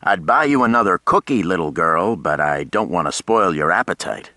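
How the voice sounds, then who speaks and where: A man's voice: deep voice, lively intonation, normal speed, sharp tone, no echo, heavily acted. A man playing a wry, joking man of thirty. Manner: wry, teasing, easygoing. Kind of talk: audiobook character voice.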